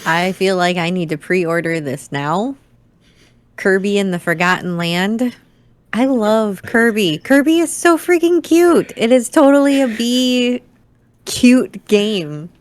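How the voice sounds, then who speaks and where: Slow easygoing woman cohost, playful and teasing in casual chat. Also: medium pitch, animated. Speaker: podcast co-host.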